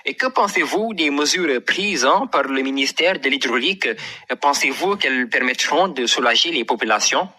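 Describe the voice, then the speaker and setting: A man's voice: medium pitch, lively intonation, normal speed, sharp tone. A male radio host, reading a news report and putting questions to a guest. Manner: reads a report, then asks short questions. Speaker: radio interviewer.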